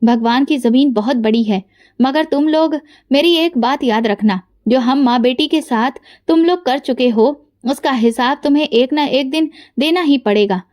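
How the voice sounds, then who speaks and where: A woman's voice: high voice, moderate pace, a little mellow, lightly acted. A woman voicing a dignified widowed mother. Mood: firm reproach. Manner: firm, reproachful.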